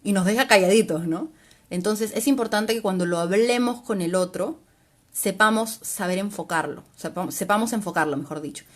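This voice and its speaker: A woman speaks in an informal live-stream talk as a psychologist. Her voice sits at an ordinary middle pitch, and she explains things patiently, step by step. She often closes her phrases with a questioning tag. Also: normal speed. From Peru. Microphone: livestream mic.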